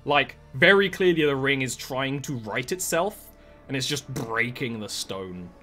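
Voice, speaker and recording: A man working as game master, improvising narration for a tabletop game in an animated, conversational way. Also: mid-range voice, measured pace, faint music behind.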